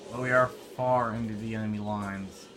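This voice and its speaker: A man's voice: fairly low pitch, fairly even intonation, normal speed, a bit bright. Young man casually narrating a war game. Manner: offhand, talks to himself while playing. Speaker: gameplay commentator. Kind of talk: casual gameplay commentary. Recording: noisy game audio behind.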